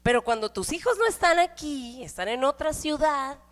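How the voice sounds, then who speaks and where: Woman, middle-aged, Mexican Spanish accent, church speaker, conversational sermon, rhetorical questions, higher voice, long hall reverb. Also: animated, normal speed.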